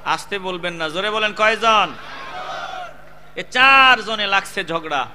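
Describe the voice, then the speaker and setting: A man preaching a waz sermon, swinging between loud calls and low chanting. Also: a little slow, slight background noise.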